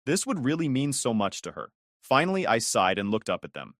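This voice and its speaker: A man's voice: medium pitch, big pitch swings, a little fast, a bit bright, no echo, clean studio sound. A man narrating a first-person story in a bitter, confiding way.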